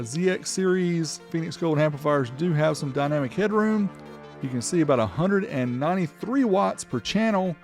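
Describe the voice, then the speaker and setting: A man with a somewhat high, slightly mellow voice hosts a car audio amplifier test video. He explains each step as he demonstrates and reads out the test results.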